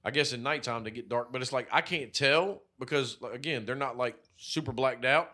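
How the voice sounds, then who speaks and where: A podcast co-host speaks briskly in a mid-range voice with a sharp tone. His casual chat is full of rambling stories, heavy profanity, and many "like" fillers.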